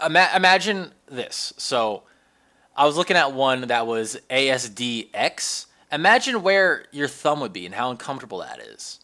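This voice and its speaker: A man with a bright, forceful voice chats on a gaming podcast. He rambles from point to point and addresses the listeners directly. His pitch sits in the ordinary middle. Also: big pitch swings, normal speed. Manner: rambling, talks straight to listeners. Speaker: podcast co-host. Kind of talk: casual gaming chat.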